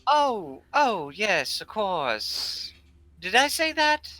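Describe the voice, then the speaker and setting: A man's voice: sits high, very animated, drawn-out words, pushed and bright, dry recording, pitched above the performer's own voice, heavily acted. Man putting on a sassy, mock-snippy male potion seller. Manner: mock snippy, put-upon and haughty. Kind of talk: in-character tabletop role-play.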